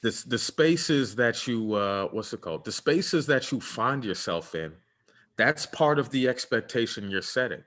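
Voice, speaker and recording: Co-hosting a podcast, a man chats casually while handing out relationship advice in a preachy, earnest way, full of fillers. He has a mid-range, animated voice that's a bit bright, delivered at a measured pace.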